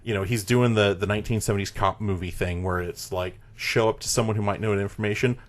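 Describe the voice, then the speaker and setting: A man's voice: steady tone, fast talker. A man hosting a podcast in casual chat, rambling through an idea with lots of "like" fillers. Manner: rambling pitch full of "like" fillers. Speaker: podcast host.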